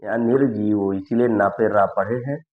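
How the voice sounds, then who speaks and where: A man teaching Sanskrit in a patient lesson, explaining words one by one and reciting verses slowly. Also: fairly low pitch, reverberant. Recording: dull lo-fi sound.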